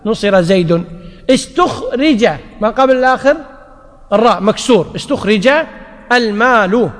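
A man's voice: sits high, moderate pace. A man teaching grammar to a class. He repeats his points and keeps checking whether his listeners follow. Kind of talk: classroom lecture. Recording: long reverb of a large hall.

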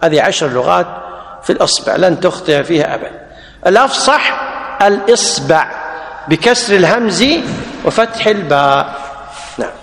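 A man's voice: a little high, lively intonation, brisk, vocal fry, a bit bright, reverberant, long reverb tail. A man with a Kuwaiti Arabic accent teaching a classical Arabic lesson, dictating and repeating word forms for his students.

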